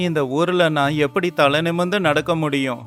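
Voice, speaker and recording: A man's voice: a little high, fairly even intonation, moderate pace, fairly bright tone, close to an everyday voice. A man voicing a poor village laborer husband in a storybook cartoon, pleading and full of self-reproach, with faint music underneath. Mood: despairing. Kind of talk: storybook character voice.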